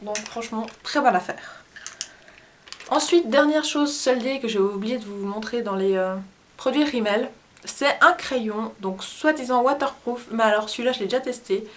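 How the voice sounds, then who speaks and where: A beauty vlogger with a Swiss French accent and a voice set slightly above the usual female range. She talks casually and warmly about her finds, pausing often as she searches for words. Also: on the high side. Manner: chatty, hesitant, often pauses to search for words. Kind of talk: casual product haul chat.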